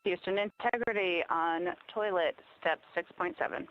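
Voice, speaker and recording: A woman calmly reporting a fault to the ground over a space-to-ground radio communicator, matter-of-fact and measured. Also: on the low side, dry recording. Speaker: crew member reporting to ground. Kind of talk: calm procedural radio report. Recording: dull, muffled radio line.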